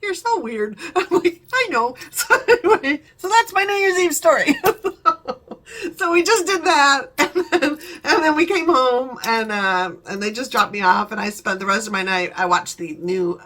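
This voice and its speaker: A woman's voice: high voice, expressive, normal speed, fairly bright tone. A woman vlogger telling a family story in casual chat, laughing often and acting out the voices of the people she quotes.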